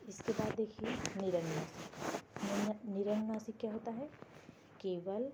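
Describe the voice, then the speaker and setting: A woman's voice: mid-range voice, fairly even intonation, a little slow, heavy background noise. A woman teaching a grammar lesson for exam prep, explaining step by step and answering her own questions. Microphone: board lesson video, writing while talking.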